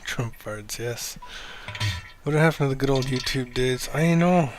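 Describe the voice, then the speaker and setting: A man hosting a casual livestream chat, rambling and self-deprecating, swearing offhandedly in a low-key, fairly monotone way. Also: a little slow, a little hiss or hum. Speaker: livestream host.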